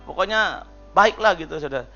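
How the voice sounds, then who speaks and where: A pastor delivering a sermon in a lively, chatty way, joking and asking the congregation for responses. His voice sits high and bright. The recording sounds slightly dull, with faint music underneath. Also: a little fast.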